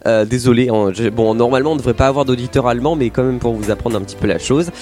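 A man reads his part on a casual radio show, tripping over words and correcting himself as he goes. His pitch sits in the middle range. Faint music runs under his voice. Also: racing, a little mellow. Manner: stumbling, self-correcting, apologetic. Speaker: radio co-host. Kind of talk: casual radio chat, reading notes.

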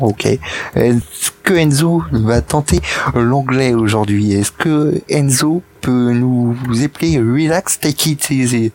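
A young man hosting a casual radio show, talking in a halting, hesitant way and laughing often. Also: mid-range voice, a little mellow.

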